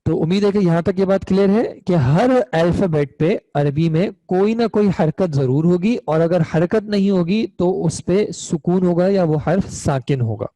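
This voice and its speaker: A man gives an online grammar lesson in a mellow, fairly high voice. He explains step by step and keeps checking that his students follow. He is recorded close and dry. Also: few pauses, no echo. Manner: patient, checks understanding often. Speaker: online Arabic grammar teacher.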